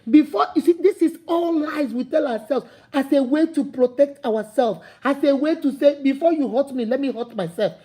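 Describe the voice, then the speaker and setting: A motivational speaker with a Nigerian accent and a high, mellow voice delivers an impassioned talk at a moderate pace, hardly pausing. She's preachy and repetitive, building her points up to emphatic calls.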